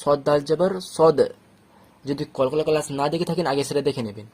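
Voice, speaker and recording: A slow, patient man teaches Quran recitation step by step, his voice on the high side. He is from Bangladesh or West Bengal, drills syllable by syllable, explains calmly, and checks in with "okay?".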